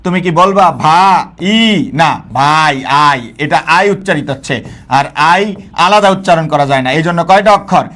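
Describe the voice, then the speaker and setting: A male teacher leads a live online grammar lesson in a slightly high voice. He drills points by repeating them and keeps asking his students questions. His talk is colloquial, sprinkled with English words. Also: fast talker, fairly bright tone. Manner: repeats key points and quizzes the class.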